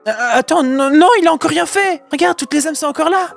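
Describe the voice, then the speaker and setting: A man voicing a frantic, manipulative young woman who pleads and yells in a shrill voice. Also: creaky, faint music behind. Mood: pleading. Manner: shrill, pleading, quick to yell.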